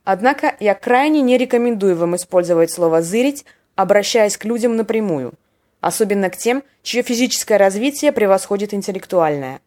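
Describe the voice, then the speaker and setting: A woman hosts a podcast teaching Russian slang, delivering wry, playful scripted narration and acting out short example dialogues. Her voice is medium-pitched, expressive, a little mellow and fairly quick.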